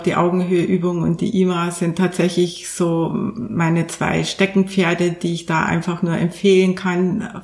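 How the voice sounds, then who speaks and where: A communication coach, a guest on a podcast, explaining ideas earnestly with examples and many fillers. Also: mid-range voice. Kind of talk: explanatory interview talk. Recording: echoey room.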